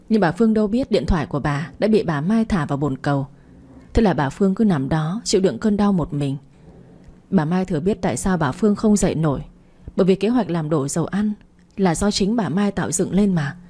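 A woman tells a late-night radio story in a calm, even reading voice. Her tone is low, warm and mellow, with a soft, breathy husk to it. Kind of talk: scripted story narration.

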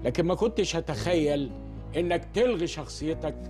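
An actor playing a lecturing Egyptian elder. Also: male voice, on the high side, lively intonation, music in the background, close to an everyday voice. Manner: measured, lecturing. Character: lecturing older family elder.

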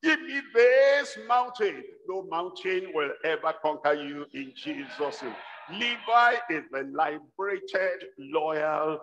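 A man's voice: a little high, expressive, slow pace. Older male preacher in an echoing hall. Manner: rhythmic, repetitive exhortation building to shouts. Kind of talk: sermon. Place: large church hall with congregation. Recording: dull livestream sound in a reverberant hall.

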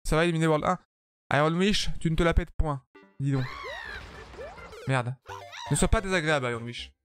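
A man's voice: a little high, normal speed, fairly bright tone, faint music behind. A tired man chatting casually with his viewers while streaming a game, joking and swearing freely. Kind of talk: casual live-stream commentary while playing.

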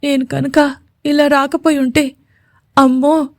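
Picture a young heroine in love, crying as she talks, her lines broken into short, trembling pleas, as a woman storyteller puts her on. Her voice sits high above the narration and sounds dry and close. It comes from a spoken audio love story. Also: little pitch movement, a little slow, darkish tone, dry recording. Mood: sobbing apology. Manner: trembling, pleading, breaks into short phrases.

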